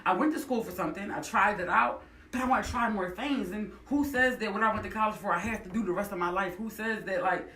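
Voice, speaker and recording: A woman in her thirties, a blogger guest on a radio show, talking fast and emphatically and laughing often. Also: mid-range voice, a bit bright, reverberant, distant mic. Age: 30s. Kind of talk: casual radio talk.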